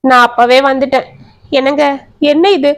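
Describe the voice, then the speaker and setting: A woman's voice: high-pitched, fairly even intonation, moderate pace. A woman voicing a worried young wife who pleads anxiously with her husband, in a storybook reading. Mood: tearful. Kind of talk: storybook narration.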